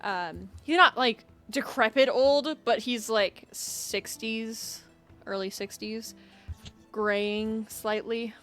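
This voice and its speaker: A woman narrating a tabletop game as its game master, chatty and loose, her speech full of fillers. Her voice sits on the higher side. Soft music plays beneath her. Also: slow. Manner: chatty, with many fillers and laughs.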